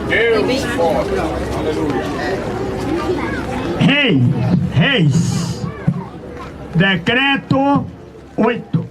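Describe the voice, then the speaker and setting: A man's voice: sits high, very animated, drawn-out words, pauses often, over music, crowd noise. A man preaching an open-air sermon, questioning his listeners and drawing out verse references. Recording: dull lo-fi outdoor recording.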